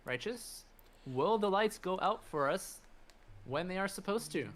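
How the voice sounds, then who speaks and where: A man's voice: high-pitched, expressive, unhurried. A man doing live motorsport race commentary, narrating the action play by play.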